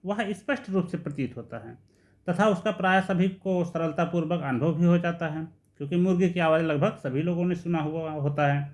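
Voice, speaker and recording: A man giving a lesson on Sanskrit grammar, explaining patiently and repeating key terms slowly. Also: high voice.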